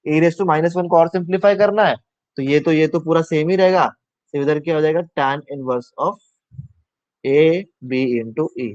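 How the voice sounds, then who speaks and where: A man's voice: a little high, measured pace, darkish tone, dry recording. A man teaching a live online maths class, talking through each step aloud, mixing English maths terms into Hindi and asking his students questions. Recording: dull, dry lo-fi sound.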